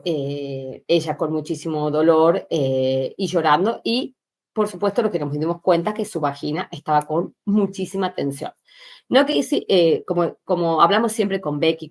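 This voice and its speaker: A woman, a pelvic floor specialist giving an informal workshop talk, candid and chatty, talking straight to her listeners with frequent filler sounds. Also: on the low side.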